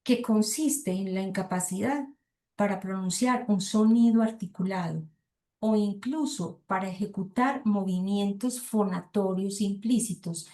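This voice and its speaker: A woman's voice: medium pitch, measured pace, dark tone, roomy sound. A middle-aged woman with a Colombian Spanish accent giving an academic lecture, reading passages aloud and thinking aloud with frequent hesitations and rhetorical asides to her listeners.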